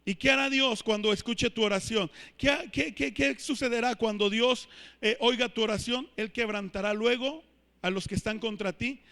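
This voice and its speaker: High, bright-voiced preacher. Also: male voice, normal speed. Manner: emphatic, swelling to shouts. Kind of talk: sermon. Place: church. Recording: reverberant church hall.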